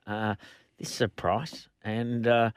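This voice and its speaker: A man in casual horse racing chat, giving tips in a halting, informal way. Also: medium pitch, level tone, clear, resonant tone, no echo, studio quality. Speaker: co-host and horse racing tipster.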